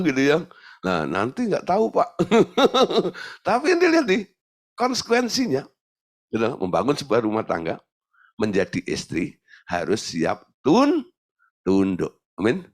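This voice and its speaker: Man, pastor, sermon, slow delivery, lively pitch, teasing rhetorical questions.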